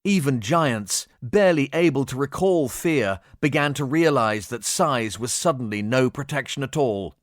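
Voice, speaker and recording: Expressive male audiobook narrator. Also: medium pitch, normal speed, hardly any pauses, dry recording, studio quality. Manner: expressive, dramatic storytelling.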